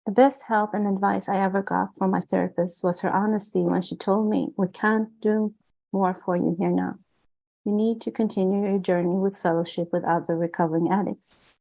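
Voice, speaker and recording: A woman from Sweden with a Swedish accent, an author reading aloud from her own book in an earnest, measured way with small restarts. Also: mid-range voice, creaky, warm tone, poor audio. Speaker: author and guest.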